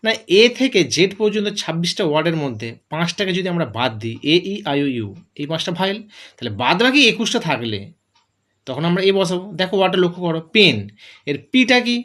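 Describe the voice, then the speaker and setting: Speaking fast, a man who teaches English goes through grammar rules in sequence. His high voice moves up and down with spirited emphasis, and he answers each question he asks.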